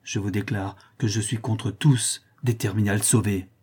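A man's voice: on the low side, steady tone, normal speed, dark tone, breathy edge. A man reading the part of a wounded noblewoman who is dying, her speech faint and broken. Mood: defiant. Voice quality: faint, broken whisper in her last words. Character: dying noblewoman, wounded marquise, fierce and devoted.

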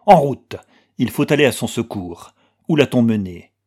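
A man's voice: expressive, moderate pace, darkish tone, slightly rough. A man voicing a proud, fierce young woman with commanding outbursts in an audiobook reading. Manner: high-strung, commanding outbursts.

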